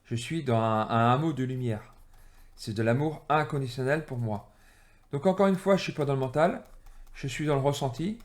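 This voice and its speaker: A man at a middle pitch talks through a drawing exercise step by step. He speaks in a halting way, full of pauses and fillers, and sounds drained and irritated. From France. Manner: halting, many fillers and restarts. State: low-energy, irritated. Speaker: energy-healing teacher. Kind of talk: explaining while drawing.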